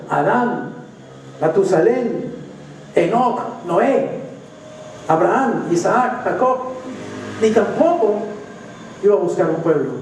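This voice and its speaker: A man's voice: a little high, mellow, slight background noise. Man preaching a sermon in an echoey church. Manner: emphatic preaching with drawn-out key phrases. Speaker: pastor. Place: church hall. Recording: echoey church hall from far off.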